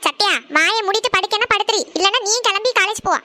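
A woman voicing a scolding village mother of two daughters, loud. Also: very high voice, fast, no echo. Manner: loud, scolding, rural Tamil speech.

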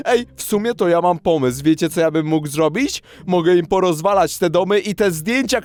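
A young man with a strikingly high voice narrates his game in an excitable, animated way. He whines, shouts and pleads at the screen. The sound is close and dry, with no room in it. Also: dry recording. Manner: animated, swings from whiny to shouting. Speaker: Minecraft YouTuber. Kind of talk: excitable gaming commentary.

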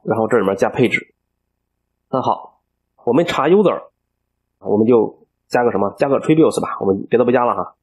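A man teaching a coding tutorial over a screen recording, explaining each step aloud and filling pauses as he thinks. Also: mid-range voice, a little mellow, breathy edge. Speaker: programming instructor.

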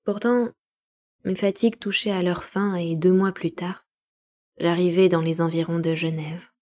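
A woman narrating a classic novel as a home-made live audiobook, measured and expressive. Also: on the low side. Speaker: audiobook reader.

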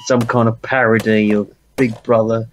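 A man's voice: lowish voice, little pitch movement, normal speed, slight background noise. Man rambling through mocking commentary. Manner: rambling, mocking, full of hesitations. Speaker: video commentator. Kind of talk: improvised director's commentary.

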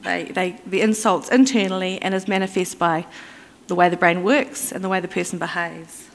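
A woman's voice: lowish voice, level tone, moderate pace. A woman giving a conference presentation in an explanatory, conversational way, with fillers and restarts. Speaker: conference speaker. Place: conference hall. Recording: reverberant conference hall.

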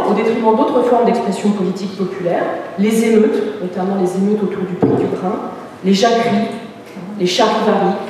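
A woman's voice: mid-range voice, mellow. A woman delivers a scholarly lecture, her voice heard from a distance in a large, strongly echoing hall. She hesitates often, filling gaps with small sounds and restarting her phrases as she thinks. A faint hiss sits under the room's long reverb. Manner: hesitant, many fillers and restarts. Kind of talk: academic conference talk. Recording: echoey hall, distant mic.

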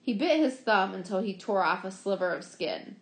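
Expressive woman reading a story aloud. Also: medium pitch, normal speed. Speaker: story reader. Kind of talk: scripted narration of a short story. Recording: roomy echo.

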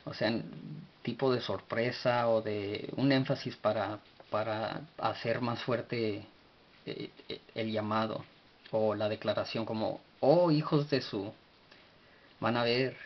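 A man teaching a religious study group gives an informal lesson, spelling words out letter by letter, correcting himself and chuckling occasionally. His voice is fairly low with little pitch movement, he speaks a little slowly, and the recording is muffled.

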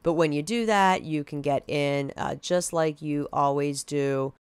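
A woman teacher talking students through a software task in a casual, direct classroom manner. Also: deep voice, unhurried, smooth, no room sound. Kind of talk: screen-recorded software tutorial.

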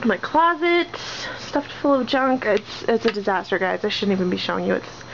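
With a mid-range, creaky voice and lively intonation, a woman in her twenties talks at a moderate pace while walking her handheld camera through her home. She rambles, makes fun of her own clutter, and the lo-fi camera audio sounds dull and carries household noise.

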